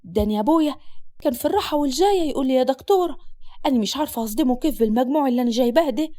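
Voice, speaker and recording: A woman's voice: high-pitched, expressive, racing, dark tone, no room sound. A woman voicing a talkative, teasing schoolgirl friend with an Upper Egyptian accent. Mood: chatty.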